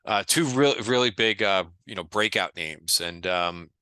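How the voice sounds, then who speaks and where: A man's voice: on the low side, a little slow, bright, forceful tone, smooth, no room sound. Dry-humored man recapping the market. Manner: sarcastic, joking, many fillers and restarts. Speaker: trading group market commentator.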